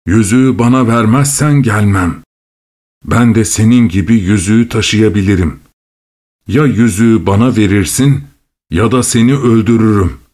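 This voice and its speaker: A man's voice: on the low side, normal speed, a little mellow, natural voice. A man doing a careless, stubborn storybook dog. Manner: sulky, threatening. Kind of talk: storybook reading.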